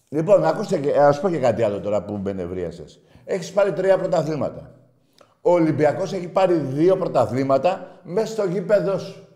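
A man co-hosting a comedy show, arguing loudly and ranting at length in heated football banter. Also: a little high. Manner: loud, argumentative, rants at length. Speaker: co-host of a comedy radio show.

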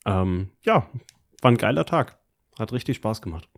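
A man's voice: fairly low pitch, animated, moderate pace, vocal fry. A man co-hosting a podcast, telling stories in casual, slangy German. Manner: colloquial, slangy. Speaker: podcast co-host. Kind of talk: casual chat, telling about his week.

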